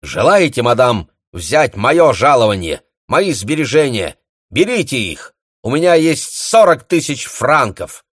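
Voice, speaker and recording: A man's voice: mid-range voice, very animated, measured pace, fairly bright tone, breathy edge, no room sound, clean studio sound, pitched above the performer's own voice, full character voice. A man voicing a devoted young maid who pleads fervently, in an audiobook. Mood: impassioned. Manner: impassioned, pleading.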